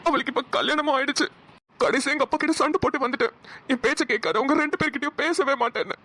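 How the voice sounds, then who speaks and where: A woman's voice: high-pitched, quick pace, fairly bright tone. A woman voicing a sorrowful lonely young man. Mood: sad, lonely. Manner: mournful, heavy-hearted delivery. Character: sad lonely young man, caring brother. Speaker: cartoon voice actor. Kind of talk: Tamil cartoon dialogue.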